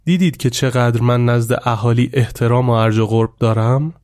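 A man voicing a vain village headman who talks in an excited, self-satisfied way. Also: mid-range voice, no room sound, studio quality, natural voice. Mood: gleeful.

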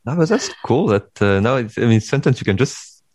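A man's voice: mid-range voice, sing-song, brisk, darkish tone, no echo. A man with a Vietnamese accent hosting a casual interview, talking with many fillers and restarts. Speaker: podcast host interviewer.

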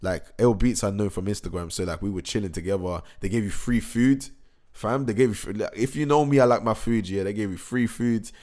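A young man recapping his month in a rambling, excitable vlog, slightly hoarse from a cold. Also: lowish voice, fairly quick. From England. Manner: excitable, rambling, slangy, many fillers and restarts. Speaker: musician.

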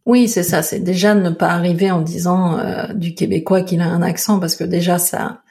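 French woman talking slowly in lowish tones. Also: steady tone, darkish tone. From France. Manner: thoughtful, hesitant with many fillers. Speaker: podcast co-host. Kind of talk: casual conversation.

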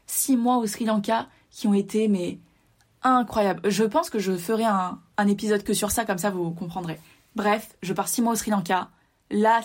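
A young woman from France telling a personal story straight to her listeners, lively and direct. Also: medium pitch.

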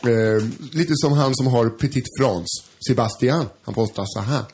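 A man's voice: mid-range voice, darkish tone. A man in casual podcast chat, playful and joking, slipping into mock accents. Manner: playful, puts on mock French-accented English.

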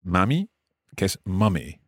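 A man's voice: low-pitched, sing-song, slow, fairly bright tone, breathy edge, dry recording, clean studio sound. A man teaching family words in English, explaining patiently and repeating each word for his student. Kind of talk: language lesson dialogue.

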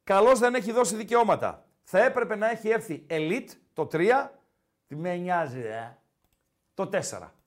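A man with a Greek accent hosting a casual sports talk podcast, who teases his co-host and keeps repeating his name. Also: high-pitched. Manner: teasing, animated, repeats the co-host's name.

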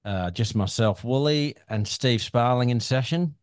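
A man's voice: mid-range voice, a little slow, clean tone, no room sound, studio quality. A man hosting a running podcast, easygoing and hesitant with fillers. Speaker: podcast host.

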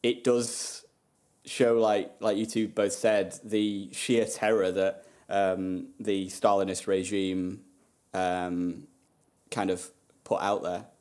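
Low-voiced man musing on a film. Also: level tone, slow, darkish tone. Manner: thoughtful, frequent ums. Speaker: podcast guest. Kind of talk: casual film discussion.

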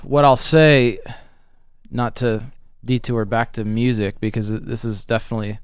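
Man, interviewer, smooth resonant low voice, dry sound, thoughtful halting questions. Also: fairly even intonation, dry recording. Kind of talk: conversational interview.

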